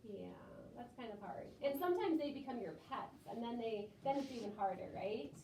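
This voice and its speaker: Fairly high-pitched, animated, and a little fast, an elementary school teacher talks young children through things in plain terms, restating as she goes. The mic is far from her, so the classroom comes across echoey and clearly noisy.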